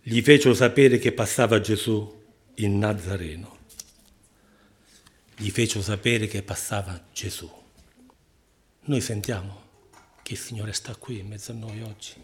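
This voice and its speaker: A man preaches emphatically to his congregation, repeating rhetorical questions and swinging between loud and hushed delivery. His voice is lowish.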